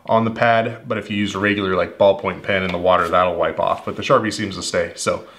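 A man in his thirties, an HVAC technician, talks a little fast in a low, steady, somewhat bright voice while reviewing his everyday tools to camera. He's at a wooden table in an indoor workshop, rambling and repeating words as he thinks, with slight background noise.

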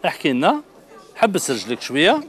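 An Algerian-accented man hosts a children's television show, coaxing and praising each child in turn. His voice leaps all over the place, and he talks quickly. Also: fairly high pitch, wildly swooping pitch, a faint crowd. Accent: Algerian Arabic. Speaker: children's TV host. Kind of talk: lively children's TV studio talk.

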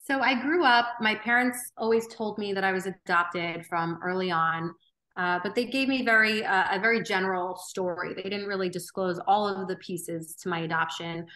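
A Romanian woman in her 30s is a guest in a reflective podcast interview, thinking aloud in an earnest, thoughtful, unhurried way with frequent ums and restarts. Her voice is mid-range with a bright tone.

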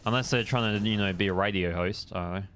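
A man's voice: lowish voice, quick pace, a bit bright, slight background noise. A young adult man, chatting casually on a gaming live stream, rambling laid-back and swearing at the game.

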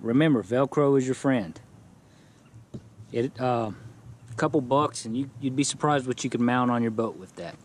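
Speaking at a moderate pace with frequent pauses, a man of medium pitch casually goes over his fishing kayak gear outdoors in a yard. Slight background noise comes through the action camera recording, and his relaxed delivery leans heavily on fillers.

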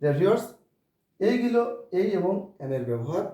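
A man teaches a beginners' English lesson in a slightly high, mellow voice. He spells words out letter by letter and asks questions that he answers himself. He is far from the microphone, in a strongly echoing room. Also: sing-song, fairly quick. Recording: distant mic in a very echoey room.

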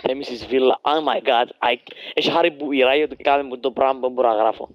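A young man with a Cypriot Greek accent, trash-talking excitably while gaming with friends. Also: medium pitch, no echo, highs cut off. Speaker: gamer. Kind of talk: casual gaming chat.

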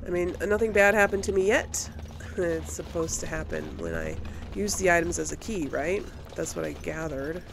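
Her fairly low, creaky voice is very animated as she plays at normal speed, a let's play host musing through casual commentary. She often questions herself aloud, over a little hiss or hum.

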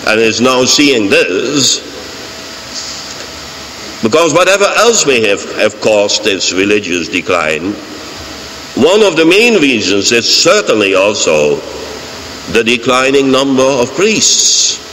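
Older man, Dutch accent, priest's homily, very slow delivery, long church reverb, faint hiss. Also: medium pitch, sing-song, a bit bright. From Netherlands. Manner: slow, deliberate, emphatic with repeated phrases. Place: large church, indoors. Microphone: fixed mic on pulpit.

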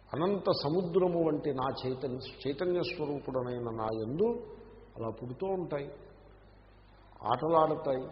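A man with a Telugu accent giving a Vedanta discourse in an ashram hall. He explains by asking his listeners questions and chants Sanskrit verses slowly. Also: medium pitch, a little hiss or hum. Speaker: Vedanta teacher. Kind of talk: scriptural discourse. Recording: muffled, echoey hall recording.

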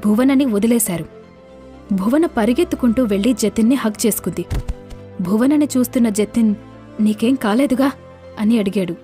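A woman's voice: a little high, moderate pace, dark tone, faint music behind. A woman narrating a scripted audio drama, reading every part herself and lightly voicing each character. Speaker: storyteller.

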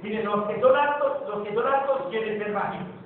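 A man's voice: high voice, a little fast. A Colombian man giving a joking motivational talk to a live audience, telling stories and asking the crowd questions. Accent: Colombian Spanish. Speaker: motivational speaker. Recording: distant, phone-like, echoey hall with audience.

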